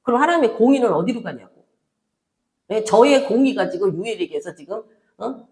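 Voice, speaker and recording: A woman's voice: mid-range voice, a little fast. An older woman pastor preaching a sermon. She speaks in a chatty, conversational way, telling stories and acting out dialogues. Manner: animated storytelling, acting out dialogue in different voices.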